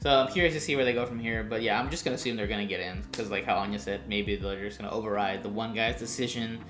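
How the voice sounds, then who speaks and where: Fast-talking man in casual anime review. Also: lowish voice, roomy sound, music in the background. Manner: retells scenes in quick quoted voices, swears casually. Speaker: podcast co-host.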